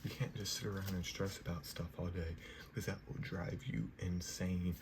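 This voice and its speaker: A young man giving a whispered ASMR pep talk in a soft, reassuring manner. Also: low voice, fairly even intonation, moderate pace. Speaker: ASMR creator giving positive affirmations. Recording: noisy, clear background hiss.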